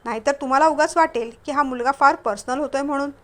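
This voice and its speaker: A woman voicing a friendly, chatty young man on a bus trip in a read-aloud story, speaking a little louder and livelier than her narration. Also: sits high, fast talker.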